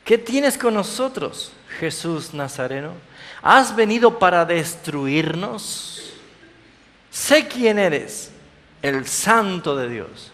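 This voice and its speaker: A cornered unclean spirit, several demons speaking through one mouth, cries out high and drawn-out, as a preacher puts it on. The voice sits above a man's usual range and stretches each word in alarm and defiance. It rings in a church hall with a long echo. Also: very animated, a bit bright, exaggerated voice.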